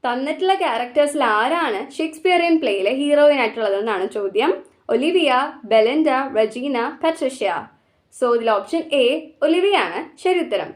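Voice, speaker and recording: A woman with a Malayali accent walks through exam questions as a teacher. Her voice sits high, and she reads each question slowly before explaining the answer quickly. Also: animated. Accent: Malayali English. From Kerala, India.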